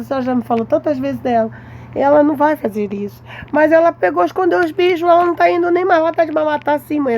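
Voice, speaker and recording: A Brazilian woman giving a devotional testimony to viewers, telling a lively story and acting out her mother's lines. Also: high voice, slight background noise. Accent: Brazilian Portuguese.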